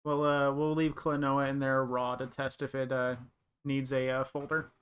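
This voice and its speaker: Bright, clear-voiced male streamer rambling. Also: medium pitch, completely flat delivery, normal speed. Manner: rambling, thinking aloud with many fillers. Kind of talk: casual live-stream chatter.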